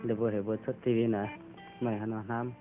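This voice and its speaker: A man's voice: lowish voice, level tone, quick pace, natural voice. A man acting in an amateur drama, talking casually with a bantering manner. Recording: tinny lo-fi with faint guitar.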